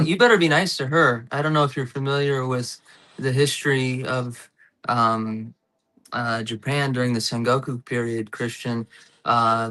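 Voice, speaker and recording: Guy in his 30s hosting a chat show, bright forceful voice, goes off on history tangents, lots of ums. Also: mid-range voice. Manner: eager, nerdy history digressions with many fillers. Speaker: host. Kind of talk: casual political talk show chat.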